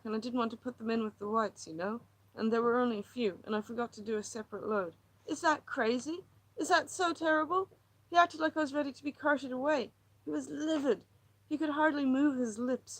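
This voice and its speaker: A woman's voice: lightly acted, rough recording. A woman voicing a frantic rambling housewife. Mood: exasperated. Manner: rambling, pleading, voice climbing high. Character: anxious troubled housewife, rambling and wounded.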